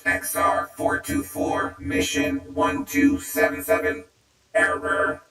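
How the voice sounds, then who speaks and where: Brief: a malfunctioning old male war robot in a game, with a glitchy robotic filter, curt and soldierly, stuck on error loops, slow and high. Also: huge pitch swings, creaky, heavily acted. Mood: mechanical. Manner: clipped machine reports, stuck repeating errors. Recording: echoey, distant, with music behind.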